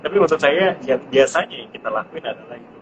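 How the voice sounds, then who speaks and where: A man in his thirties gives parenting tips in a casual live-stream chat, talking in an animated way at a quick pace. He leaps into a high pitch to imitate his child. The live-stream audio is muffled, with background noise.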